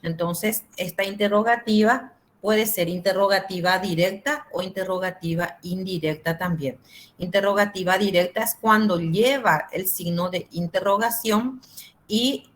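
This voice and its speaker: A woman's voice: mid-range voice, a little hiss or hum. A woman teaching a grammar class over a video call, explaining patiently with simple examples and frequent fillers. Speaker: Spanish teacher.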